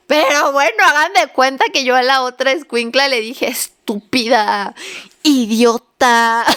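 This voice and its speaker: Young woman, high voice, animated storyteller, acts out voices. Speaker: vlogger. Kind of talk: personal storytelling.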